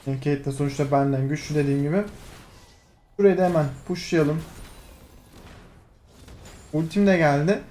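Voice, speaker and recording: A young man talks through his gameplay in a fairly high voice. He is excitable and teasing, jumping between calm play-by-play, laughs and loud outbursts at his teammates. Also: moderate pace, pauses often, a little hiss or hum. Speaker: gaming streamer. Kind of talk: live gameplay commentary.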